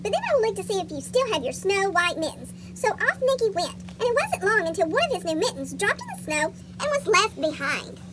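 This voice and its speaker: A tiny chipmunk tells a children's storybook in a squeaky cartoon voice. It is extremely high and swoops up and down with animation. Loud noise runs through the recording. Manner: asks young listeners questions. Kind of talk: read-aloud picture book storytelling.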